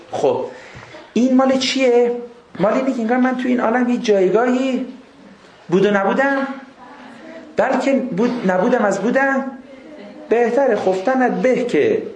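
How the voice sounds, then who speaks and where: A man giving an informal religious lecture, conversational, with rhetorical questions and jokey anecdotes. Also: sits high. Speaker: religious speaker. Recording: echoey room.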